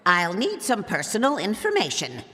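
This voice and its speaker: An actress playing a stern, prim town librarian in a cartoon adventure game, hushing and officious, with clipped, emphatic delivery. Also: female voice, medium pitch, huge pitch swings, moderate pace. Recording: long echoing reverb, library hall effect.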